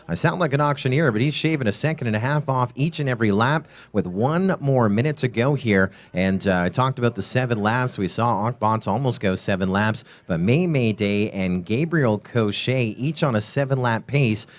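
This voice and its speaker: A man calls a drone race live, running through lap times in quick play-by-play. He breaks in with sponsor reads between the action, in the even voice of an event announcer. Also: medium pitch.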